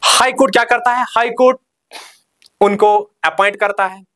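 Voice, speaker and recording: The speaker is a male coaching teacher with a high voice, lecturing on a recording in a steady, drill-like way. He slows down to read and repeat key terms, asks the class rapid short questions that he answers himself, and keeps insisting that they remember.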